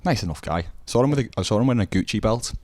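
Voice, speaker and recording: A man's voice: on the low side, animated, very fast, darkish tone. A young man from Liverpool with a Liverpool accent, a band member joking dryly in a casual interview. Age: young adult. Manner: joking, dry one-liners.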